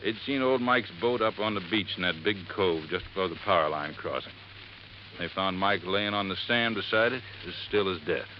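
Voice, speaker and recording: Heard through a muffled, faintly hissing old radio recording, an actor voices a folksy middle-aged desert resort handyman for a 1950s drama. His natural voice sits low and moves at a normal speed. The plainspoken, rambling drawl comes across earnest and folksy.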